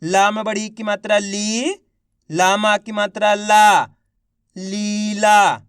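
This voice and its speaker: A man teaching children to read, sounding out each syllable slowly and then drawing out the whole word, while encouraging his viewers. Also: sits high, level tone, a bit bright, smooth, dry recording, studio quality. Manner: encouraging, addresses viewers as friends. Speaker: Hindi reading teacher. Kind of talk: online reading lesson.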